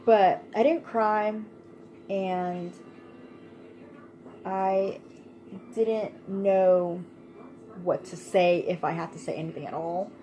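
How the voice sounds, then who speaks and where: A woman's voice: fairly low pitch, fairly even intonation, slow, pauses often, dull audio, slight background noise. A young woman vlogger telling a personal story in a casual, chatty way, laughing often and using lots of fillers.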